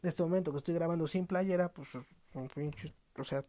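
Slangy, profane Mexican podcast host, mellow. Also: male voice, fairly high pitch, moderate pace. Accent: central Mexican. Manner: slangy, profane, playfully dramatic. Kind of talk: casual podcast monologue.

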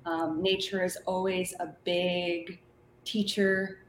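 A woman's voice: on the low side, level tone, takes it slowly. A woman coach giving reflective interview answers as a guest, often checking in with a questioning tag. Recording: echoey room with faint noise.

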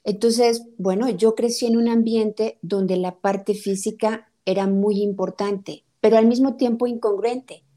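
Woman in her forties, a therapist guest. Warm, mellow tone. Earnest and halting. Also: mid-range voice, steady tone. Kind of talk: reflective personal testimony.

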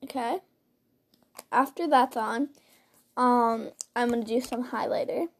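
A woman with a high voice hosts an informal tutorial, talking through each step in a chatty way as she works. She is recorded on a simple built-in laptop-style mic instead of a proper studio microphone. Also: unhurried. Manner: chatty, informal, step-by-step narration while doing makeup. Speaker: host of a makeup tutorial show. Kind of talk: casual spoken makeup tutorial. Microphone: built-in device mic rather than usual microphone.

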